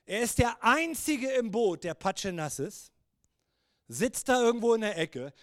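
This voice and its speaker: A man in his fifties preaching a sermon, telling stories in a lively, conversational way. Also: extremely high pitch, measured pace, no echo, clean studio sound.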